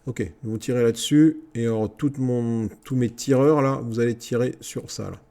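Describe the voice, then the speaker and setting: Gaming YouTuber, male, mellow and a bit gravelly, chatty, bossing his units around. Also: medium pitch, moderate pace. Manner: talks to his troops, excitable outbursts. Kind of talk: casual Let's Play commentary.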